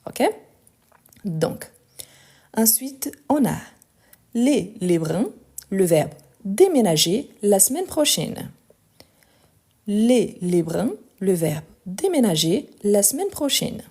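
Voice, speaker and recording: Woman teacher on a phone live, slow and patient, spells stuff out, soft mellow voice. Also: mid-range voice, big pitch swings, breathy edge. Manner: patient, spells out letters, thanks viewers. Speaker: French teacher. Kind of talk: live online grammar lesson.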